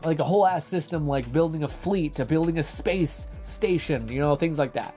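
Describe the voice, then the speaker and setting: This livestream host is a young man with a slightly high, mellow voice at normal speed, with soft music playing behind him. Drifting through relaxed conversation, he reads the chat out loud and laughs, though dryness is creeping into his throat.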